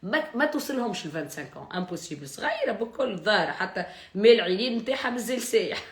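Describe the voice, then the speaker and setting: A woman's voice: medium pitch, very animated, fast talker. A woman with a Tunisian accent chatting on a live stream, joking and mocking, and laughing often. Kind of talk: casual live-stream chat. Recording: roomy echo.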